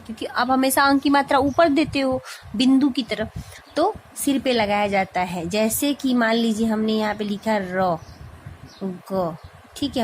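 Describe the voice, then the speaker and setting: A woman with a fairly high voice walks through a grammar lesson step by step. She repeats her points and keeps checking that the class is following. A faint hum sits under the recording. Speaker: Hindi grammar teacher.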